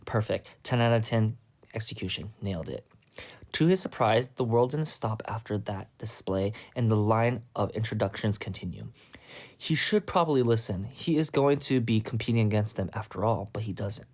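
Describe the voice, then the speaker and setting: A young man with a fairly low voice reads fanfiction aloud to his livestream, stopping every so often for a wry aside. He sounds casual and at home, talking into his phone. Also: expressive, moderate pace, darkish tone. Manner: breaks off to comment wryly on the text. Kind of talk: reading a story aloud with asides.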